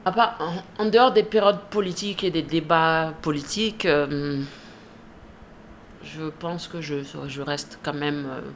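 A woman's voice: sits low, a little slow, a little hiss or hum. A woman in her thirties from Ivory Coast, a shop manager, answering interview questions hesitantly with frequent fillers and laughs. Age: 30s. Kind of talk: radio interview.

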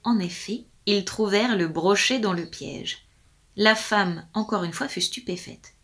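A woman narrating a folk tale in a lively, expressive storybook reading. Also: mid-range voice, unhurried.

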